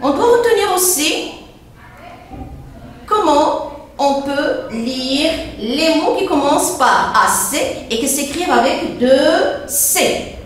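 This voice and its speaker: A woman teacher talks slowly and patiently, spelling each word out letter by letter. Her high voice rises and falls a great deal. She sounds echoey and a little distant from the mic. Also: slight background noise. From Morocco. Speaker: primary school teacher. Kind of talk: spelling lesson.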